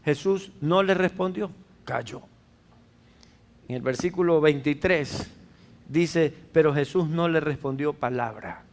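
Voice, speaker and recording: A man's voice: on the high side, measured pace, pauses often. A man preaching a sermon as pastor, speaking emphatically and asking rhetorical questions.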